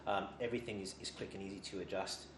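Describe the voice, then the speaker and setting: Background noise accompanies a low-pitched, steady-toned man in his thirties who talks fast. Co-hosting a product demo in an indoor tool workshop showroom, he keeps things casual, reacting to and commenting on what he sees.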